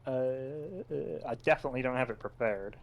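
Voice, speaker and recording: A man's voice: mid-range voice, a little fast. A man playing a tabletop game, hesitant and full of fillers. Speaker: player. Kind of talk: casual tabletop game chat.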